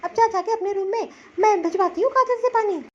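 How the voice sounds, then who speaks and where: A woman's voice: very high voice, fairly quick. A woman voicing a lazy, dismissive older mother-in-law in a cartoon story, scolding and brushing off requests. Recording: slightly dull lo-fi recording.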